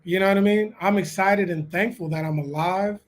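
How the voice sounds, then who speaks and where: A man co-hosting a casual chat, relaxed and reflective, with many "you know" fillers. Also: high-pitched, brisk. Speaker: podcast co-host.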